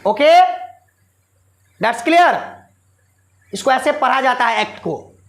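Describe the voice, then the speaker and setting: A woman teaches a commerce class in a high, bright voice. She fondly addresses her listeners as children. She keeps firing quick questions at them and answering them herself. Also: animated. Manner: quizzes students with repeated rhetorical questions. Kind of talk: explanatory class lesson.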